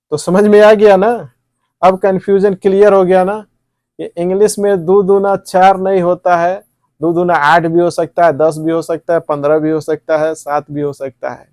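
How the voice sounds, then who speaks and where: A man's voice: on the high side, a little mellow, no room sound, studio quality. A man teaching English vocabulary at a board, asking questions and answering them himself. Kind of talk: classroom lesson at a board.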